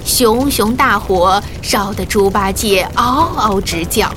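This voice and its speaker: A woman narrating a children's story in a lively, expressive way. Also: mid-range voice, takes it slowly. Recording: faint music behind.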